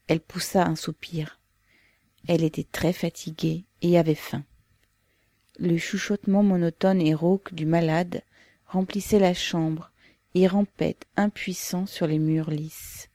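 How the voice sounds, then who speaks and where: A woman narrating a novel as an audiobook in a slow, measured, grave manner. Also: lowish voice, steady tone, warm tone, no room sound.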